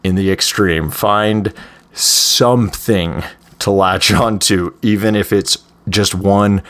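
A young man with a lowish voice tells his own stories on a podcast. He talks candidly and conversationally, stopping and restarting as he goes, with plenty of fillers. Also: fairly even intonation, takes it slowly, fairly bright tone. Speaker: podcast host. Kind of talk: first-person storytelling.

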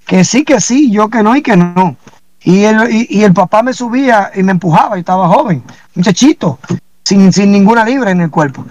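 High-voiced man telling his story. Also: normal speed, no echo, lo-fi sound. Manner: animated storyteller acting out quoted dialogue. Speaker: singer guest. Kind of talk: casual interview storytelling.

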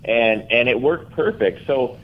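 A man telling a fishing story on a radio show, halting and full of fillers. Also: mid-range voice, narrow, tinny audio. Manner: halting, many fillers and restarts. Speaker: freshwater fishing reporter.

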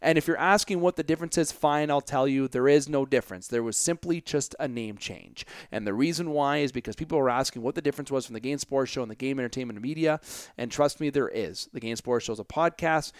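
A young man talks through a solo sports podcast in a smooth, resonant voice with a middle pitch. He rambles in a chatty way and keeps breaking off to restart his sentences. The sound is dry and close to the mic, with no room around it. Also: no echo. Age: young adult. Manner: rambling, chatty, self-interrupting. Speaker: podcast host.

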